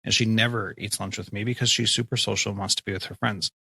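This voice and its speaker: A middle-aged man hosting a podcast interview, talking in an earnest, expressive way. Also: fairly low pitch, fast, creaky, breathy edge, no echo, low-quality recording. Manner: earnest, expressive, animated when telling stories. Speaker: podcast host, school principal. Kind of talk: conversational interview.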